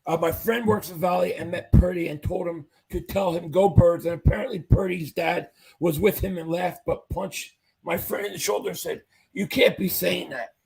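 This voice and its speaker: On a rough recording, a man hosting a casual sports livestream reads comments from the chat as an upbeat fan. His high, darkish voice is fairly even in intonation, moderately paced with few pauses, and husky and fading as his voice goes.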